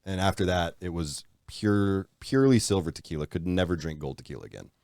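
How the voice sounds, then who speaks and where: A man hosting a podcast in casual chat, animated, laughing often and swearing freely. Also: sits low, brisk, no echo, clean studio sound.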